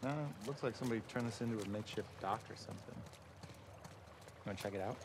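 A man playing a joking, excitable young man in video game dialogue. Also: fairly low pitch, quick pace, very noisy, natural voice. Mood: playful. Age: young adult. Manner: joking, boyish, teasing. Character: playful, excitable young man, a soldier exploring ruins.

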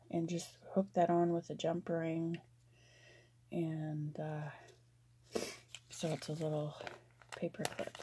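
Woman craft vlogger, unhurried and low-pitched, rambling home chat with faint room hiss. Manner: rambling, many fillers and restarts. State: out of breath.

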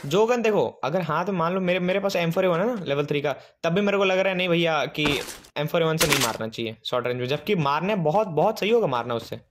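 Excitable male streamer, fairly high voice, gunfire audible behind. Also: quick pace, hardly any pauses, background noise. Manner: excitable, teasing enemies, rambling chatter. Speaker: gaming streamer. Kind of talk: live gameplay commentary. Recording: game gunfire sounds behind voice.

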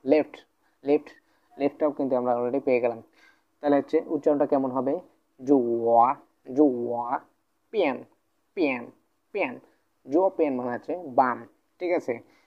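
A man giving a casual video lesson, repeating words slowly and often checking in with his listeners. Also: mid-range voice. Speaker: language teacher. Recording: dull lo-fi sound.

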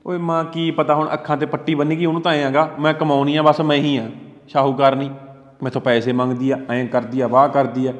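A man's voice: mid-range voice, level tone, brisk, reverberant, big-room sound, highs cut off, natural voice. A man playing a hot-tempered young village husband who rants in defense of his mother. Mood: grumbling. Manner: angry, shouting tirades.

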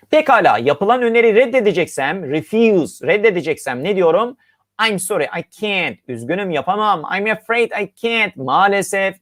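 A teacher from Turkey giving a recorded English lesson, reading each example phrase and then translating it, drawing out the English phrases slowly. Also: mid-range voice, no room sound, clean studio sound.

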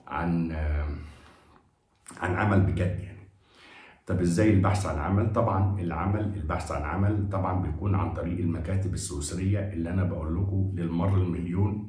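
An Egyptian man with a lowish voice talks quickly and casually, coaxing his viewers and sprinkling in blessings. The sound bounces around an echoey room. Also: mellow. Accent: Egyptian Arabic. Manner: chatty and pleading, with frequent religious blessings. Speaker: vlogger giving job advice. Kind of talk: casual advice talk to camera.

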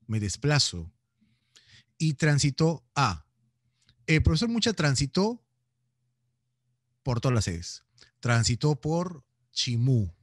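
Joking Peruvian male teacher, lively pitch. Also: no echo, clean studio sound. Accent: Peruvian Spanish. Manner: teasing, scolds students playfully, laughs often. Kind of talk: joking online class lecture.

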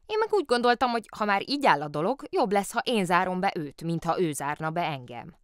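A woman's voice: lowish voice, very animated, clear, resonant tone, dry recording, studio quality. A woman voicing a cheeky, good-natured male bear who dresses as a policeman, explaining himself with easygoing, innocent excuses. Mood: cheerfully innocent. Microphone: studio microphone.

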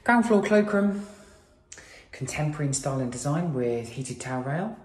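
A man's voice: on the high side, animated, normal speed. A British man gushing through a property tour as an estate agent, in polished sales patter, recorded walking around an empty house. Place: inside and outside an empty new-build house. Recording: echoey empty rooms.

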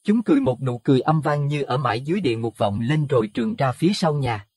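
A man narrating a Buddhist horror audio story in an expressive, dramatic way. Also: medium pitch, fast, slightly rough, no room sound, studio quality. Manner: expressive, rising to alarm at scary moments.

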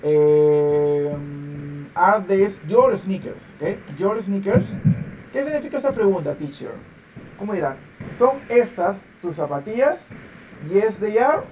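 Patient, slow high-voiced male teacher. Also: animated, recorded from a distance, muffled recording, background noise. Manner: patient, repeats words over and over for drilling. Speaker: English teacher. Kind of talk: online class. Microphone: video call.

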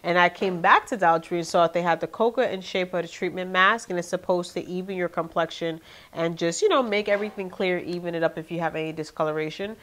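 A young vlogger with a nasal, congested voice chats to her viewers about a shopping haul from her living room. Lowish-voiced and fast-talking, she's chatty and animated, addressing viewers directly in a casual haul video.

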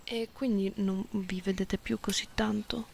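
In an ASMR roleplay, a woman voices a gentle, playful, genetically modified cat-girl comforting someone lonely, speaking softly and intimately and often slipping into whispers. Her medium-pitched voice is steady with vocal fry, and her mood is playful and teasing; she's slow, soothing and intimate, with meows and purry hums. It's a close binaural recording with faint background noise.

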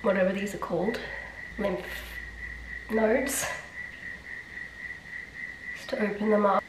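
A young woman with stuffy sinuses speaks slowly in a steady, medium-pitched, nasal voice, casually walking through her skincare routine for a vlog while making fun of herself along the way. The echoey bathroom, distant mic, and noisy background are all audible.

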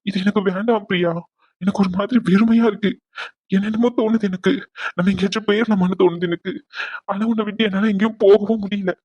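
A man voicing a hurt, remorseful young husband who talks low and earnestly to his wife. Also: fairly even intonation, fast, a little mellow, no echo, lo-fi sound. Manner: subdued, earnest.

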